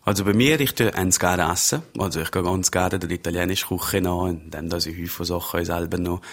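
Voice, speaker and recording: A man with an Upper Valais Swiss German accent speaks as a guest on a radio interview, answering in easygoing, rambling stories. His voice is very deep and low throughout. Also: fairly quick. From Upper Valais, Switzerland. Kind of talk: conversational interview.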